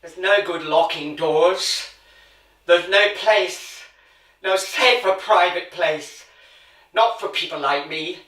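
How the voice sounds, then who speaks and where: A man playing a weary, haunted older man, speaking slowly and quietly, recorded in a roomy space off mic. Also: high voice. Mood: troubled. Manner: slow, quiet, deliberate and troubled. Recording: roomy echo, distant mic.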